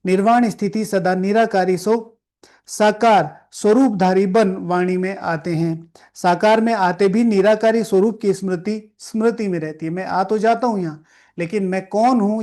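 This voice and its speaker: A man's voice: sits high, darkish tone. A man who is a spiritual teacher, explaining a scripture reading. He repeats key phrases for emphasis, drops English words into his talk and guides listeners in reflection. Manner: mixes English words into Hindi; reflective, guiding listeners through meditation.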